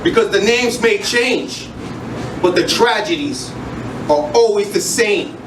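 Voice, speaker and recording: A man's voice: high-pitched, slow pace. A man performing spoken word poetry at a live showcase, intense and angry, swearing as he goes. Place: live venue stage. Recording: echoey room, distant mic, noisy crowd.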